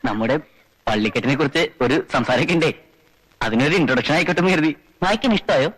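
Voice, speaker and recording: A man's voice: a little high, animated, fast talker, background noise, close to an everyday voice. A man playing a vain, foolish nobleman in a film comedy, speaking in a pompous, self-important way. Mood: self-satisfied. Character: vain, foolish nobleman clumsily wooing a woman. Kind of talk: broad film comedy acting. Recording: film soundtrack with music behind.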